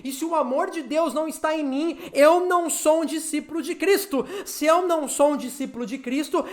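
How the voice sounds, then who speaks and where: A woman pastor with a Brazilian Portuguese accent, preaching a sermon at an online church service, swinging from loud emphatic urging to low, quiet asides.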